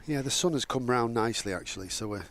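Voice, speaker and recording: A man's voice: medium pitch, animated, fast, slight background noise. A man with a Northern English accent giving live cricket commentary outdoors under a gazebo, jokey and self-deprecating.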